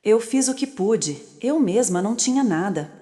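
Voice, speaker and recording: A woman's voice: on the high side, expressive, normal speed, warm tone, lightly acted. A woman voicing a fearful, guilt-ridden elderly aunt, asking shaky, pleading questions. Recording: long reverb.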